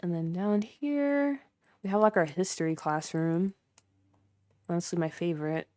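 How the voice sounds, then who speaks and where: In a dry recording, a young woman with a lowish, darkish voice talks at a measured pace. It's casual livestream commentary: she chats with viewers and gives a rambling, filler-laden tour of her game build.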